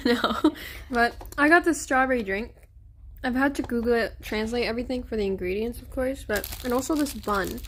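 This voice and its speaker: A woman's voice: fairly high pitch, normal speed, slight background noise. A young woman chatting to camera while traveling, showing things off in a casual vlog. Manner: chatty show-and-tell to camera. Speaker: travel vlogger. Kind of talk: casual on-location vlogging.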